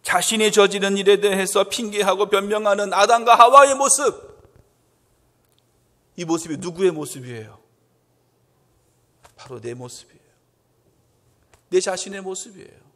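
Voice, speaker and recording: A man preaching a Sunday sermon as pastor, acting out quotes with swings up to loud, emphatic peaks. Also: high-pitched, normal speed, pauses often. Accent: Korean. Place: church sanctuary. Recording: long church hall reverb.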